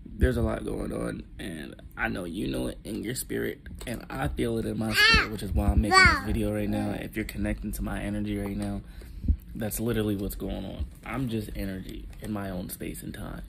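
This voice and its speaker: A young man vlogging at home early in the morning, talking in a hushed, rambling, slangy way about spiritual ideas. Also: big pitch swings, brisk, gravelly. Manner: rambling, hushed and low-key, with slangy asides. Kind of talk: casual spiritual monologue to camera. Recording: loud background noise.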